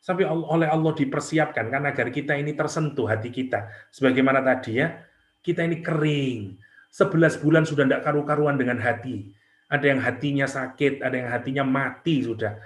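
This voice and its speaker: A man's voice: mid-range voice, brisk, reverberant. A middle-aged man preaching a sermon, emphatic, posing rhetorical questions and slipping into prayer-like asides. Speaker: Islamic preacher.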